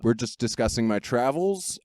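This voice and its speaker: A man's voice: mid-range voice, expressive, normal speed, a little mellow, no echo. Casual male podcast host in a car. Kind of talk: casual chat. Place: parked car in a grocery store lot.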